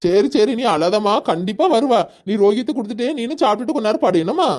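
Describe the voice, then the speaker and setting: A woman's voice: mid-range voice, lively intonation, quick pace, noisy background, lightly acted. A woman voicing a caring, anxious older mother in a cartoon, with a Tirunelveli Tamil accent, soothing and chatty.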